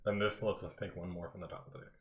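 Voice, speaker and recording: A man's voice: low voice, flat delivery, very fast, fairly bright tone. A man in his mid-twenties playing a board game, chiming in with tips and short agreements in casual chat. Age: 20s. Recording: echoey room.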